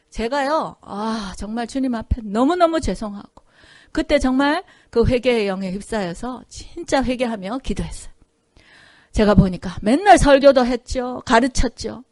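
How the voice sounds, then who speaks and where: A woman's voice: high-pitched, no room sound, studio quality. A woman pastor giving a conversational Korean sermon, often checking in with the congregation and acting out the voices in her story. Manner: conversational preaching with frequent "그죠?" and "예?" asides. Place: church sanctuary.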